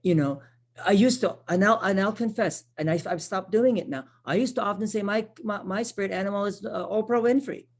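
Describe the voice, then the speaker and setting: Her voice mid-range and a little fast, a Filipina workshop presenter and social worker who speaks Tagalog conducts an online training conversationally. She often checks in with "right?" and restarts her phrases.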